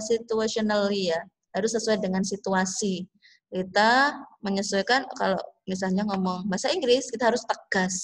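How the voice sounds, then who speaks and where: A woman English teacher with an Indonesian accent, slowly explaining a lesson to her class, drawing out her English phrases. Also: medium pitch. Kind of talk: online class lecture mixing English and Indonesian.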